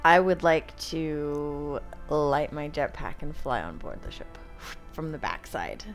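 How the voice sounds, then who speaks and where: Female player, low-pitched, expressive, eager; light music bed. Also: slow pace. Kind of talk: casual tabletop play.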